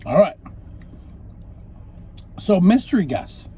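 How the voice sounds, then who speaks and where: Lively-voiced man reviewing food. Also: high voice, slow pace, a little hiss or hum. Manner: chatty, talks with mouth full. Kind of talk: casual food review chat.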